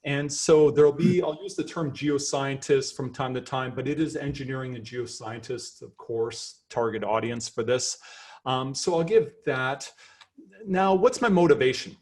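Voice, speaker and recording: A professor in middle age, Canadian with a matching accent, keeps his seminar lecture lively and chatty. Enthusiastic and given to self-deprecation, he speaks in a mid-range voice at a moderate pace.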